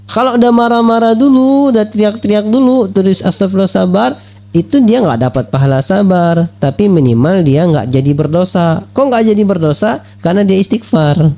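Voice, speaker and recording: A man preaching at a religious study lecture, lively and full of rhetorical questions, acting out the voices he quotes. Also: high voice, a little fast. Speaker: Islamic preacher.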